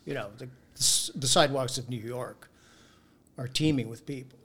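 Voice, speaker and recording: A man's voice: mid-range voice, normal speed, fairly bright tone, husky. A man, an artist guest on a radio show, speaking modestly and with hesitations.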